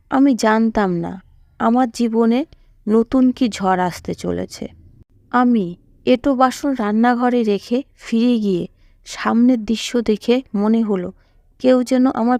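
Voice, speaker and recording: A woman's voice: fairly high pitch, gravelly, darkish tone, no echo, studio quality. A woman narrating a sorrowful first-person story.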